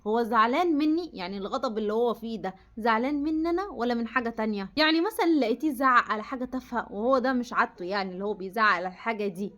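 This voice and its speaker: A woman's voice: fairly high pitch, fairly bright tone. A woman with an Egyptian Arabic accent giving relationship advice straight to the camera, chatty and speaking to the viewer as a friend. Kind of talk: direct-to-camera advice talk.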